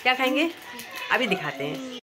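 A woman's voice: fairly high pitch, big pitch swings, moderate pace, sharp tone. A woman in her thirties chatting casually to her viewers as she narrates her day for a vlog. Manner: chatty, addresses viewers directly. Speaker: vlogger.

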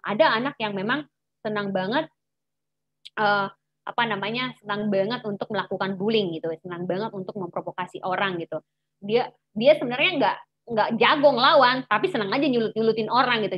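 A woman's voice: a little high, dry recording, highs cut off. A woman teacher giving a chatty informal lesson to teens, full of fillers and acted-out taunts. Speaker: teacher giving an anti-bullying talk.

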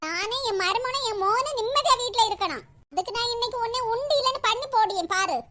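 A woman's voice: extremely high pitch, animated, fast, pushed and bright, exaggerated voice. A woman voicing a scheming older village mother-in-law in a cartoon, scolding bluntly with a Kanyakumari Tamil accent. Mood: angry scolding. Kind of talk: cartoon voice acting.

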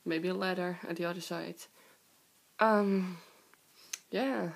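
A young woman with a hoarse, sore-throat voice from a cold, chatting casually in a halting, giggly way as she hosts a show-and-tell vlog. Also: lowish voice, steady tone. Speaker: video host. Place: indoor room with wooden floor. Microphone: handheld camera close by.

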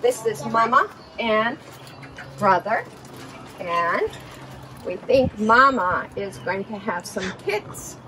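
Standing in a backyard farm pen, a middle-aged storytime host shows things to young children in an unscripted, simple, halting way. Her medium-pitched voice is expressive with a sharp tone, recorded outdoors by a somewhat distant camera amid noise and clicks.

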